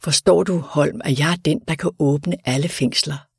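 A man doing death's coachman, stern, measured, husky, dry close sound. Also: a little high, dry recording, heavily acted. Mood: solemn. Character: grim male driver of death, solemn and stern.

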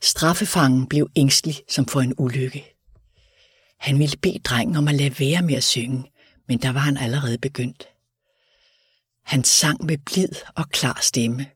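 Male audiobook reader, calm and even, husky, dry booth. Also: medium pitch, dry recording. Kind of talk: scripted narration.

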